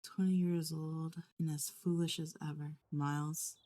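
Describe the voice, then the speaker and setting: A woman's voice: sits low, level tone, measured pace, warm tone. A woman voicing a stern, disappointed male head of household in a life-simulation game, scolding in a formal way.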